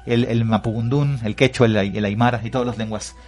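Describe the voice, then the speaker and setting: A Mexican man talks quickly and at length as a radio guest, filling pauses with "pues" and "este". His voice sits at an ordinary pitch. Faint music plays behind him. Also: steady tone, a little mellow. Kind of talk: casual radio interview.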